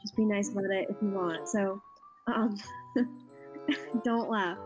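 A woman's voice: medium pitch, fairly even intonation, slow, soft background music. A woman in her twenties chatting on a webcam, giggly and chatty, filling her talk with "like". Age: 20s. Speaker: stranger on a video chat site. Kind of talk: casual video chat. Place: indoor room.

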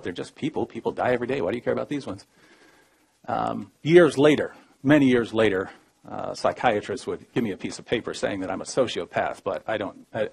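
A man in his thirties giving a personal testimony as a debater, in a measured, low-key storytelling manner that often drops quiet. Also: breathy edge.

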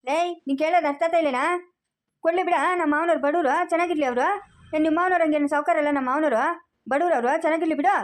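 A woman's voice: sits high, racing. A woman acting a son who argues for his wife in an amateur family drama, insistent and argumentative.

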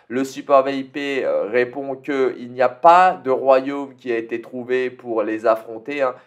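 A man with a mid-range voice chats casually over a strategy game, thinking out loud and sprinkling in little fillers. He's from France and talks straight into a desktop mic. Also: medium pitch, highs cut off. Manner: chatty, thinks aloud with fillers and tag "hein". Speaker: gaming YouTuber.

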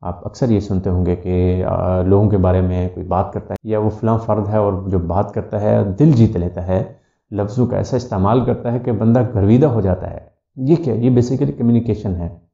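Gravelly, dark-voiced Urdu-speaking male educator. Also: lowish voice, steady tone, normal speed. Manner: explanatory, mixes English terms, frequent "uh" fillers. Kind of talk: lecture-style talk. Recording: echoey room, dull lo-fi sound.

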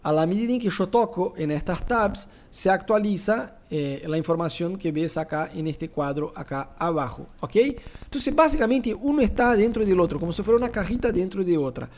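A Rioplatense-accented man sits at his screen and walks viewers through a live online class, his voice riding fairly high. He teases his listeners and throws in rhetorical asides as he explains each step. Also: normal speed. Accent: Rioplatense Spanish. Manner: animated, teasing, rhetorical asides. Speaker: pastor teaching church advertising.

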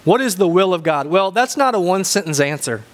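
Speaking animatedly, a pastor in his fifties with a heavy Ozarks accent delivers a sermon on a large indoor church stage. For a man, his voice sits fairly high, and he talks deliberately, hammering home key phrases by repeating them.

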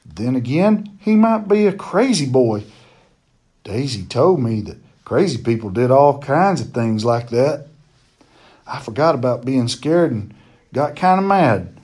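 A man reading a children's novel chapter aloud in a steady, plain storytelling manner. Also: medium pitch, unhurried, husky.

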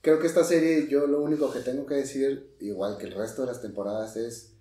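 Hombre mexicano tajante, algo lejos del micro. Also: male voice, medium pitch, steady tone, fairly quick, dark tone, roomy sound, recorded from a distance. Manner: blunt, opinionated, swears freely. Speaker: podcast co-host. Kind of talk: casual chat.

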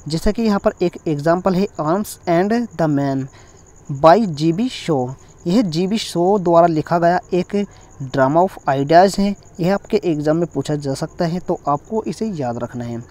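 Indian male teacher, high mellow voice, slow careful repetition, crickets behind. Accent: Indian English. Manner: explains step by step, repeats key points, reads English definitions slowly. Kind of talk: exam-focused lecture.

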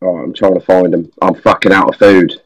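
A man's voice: sits low, fairly even intonation, brisk, rough recording. A young man in gameplay chatter on a headset mic, swearing constantly and sounding exasperated. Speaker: gamer.

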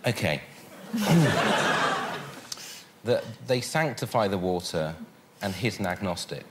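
Slow-talking man on a comedy panel. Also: fairly low pitch, big pitch swings. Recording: loud studio audience and noise.

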